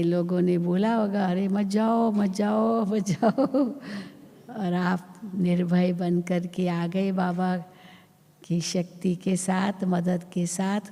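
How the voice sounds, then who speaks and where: A woman spiritual teacher giving a sermon and guided meditation, with slow, gentle instruction and long pauses. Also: on the low side. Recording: long hall reverb with soft music.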